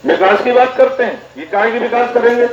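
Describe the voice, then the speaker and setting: Indignant rally speaker. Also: male voice, very high voice, a little fast. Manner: rhetorical, repeats figures and questions, rises to indignant shouts. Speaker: political party speaker. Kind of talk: political speech to a village gathering. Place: outdoor village gathering. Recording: echoey, dull PA sound with crowd noise.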